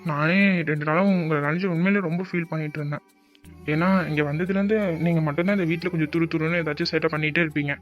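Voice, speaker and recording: A man's voice: fairly high pitch, fairly even intonation, racing, lightly acted. Man voicing a polite, pleading young cartoon man. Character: young man Karthik, polite, remorseful co-worker. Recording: dull lo-fi audio with music bed.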